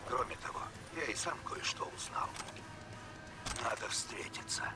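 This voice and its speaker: A man's voice: medium pitch, measured pace, pushed and bright, soft background music, full character voice. A man playing a businesslike, impatient informant in a video game, terse and commanding. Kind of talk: video game dialogue acting. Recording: game audio with clear background noise.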